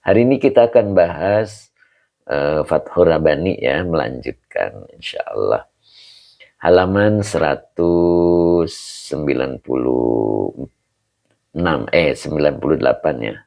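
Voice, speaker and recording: A man with a hoarse, very deep voice teaching a live online class as an Islamic teacher, explaining patiently and tagging phrases to his listeners. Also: animated, measured pace, long pauses. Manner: explains patiently, ends phrases with "begitu, Pak". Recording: dull lo-fi livestream audio.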